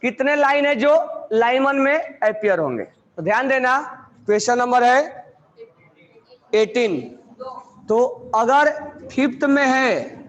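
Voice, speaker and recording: A man's voice: extremely high pitch, takes it slowly, long pauses, fairly bright tone, highs cut off. A man teaching chemistry to a class, drilling students with repeated questions and mixing terms into his lecture.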